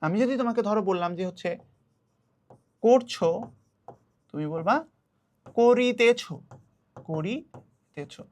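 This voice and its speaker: A young woman teaching an online class to children, patient and repeating key words slowly. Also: mid-range voice, expressive, darkish tone.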